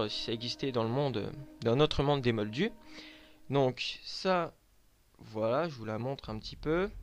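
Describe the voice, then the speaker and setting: A man from Lorraine in France, hesitantly presenting his handmade collection in a casual show-and-tell video, with many filler sounds. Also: on the high side.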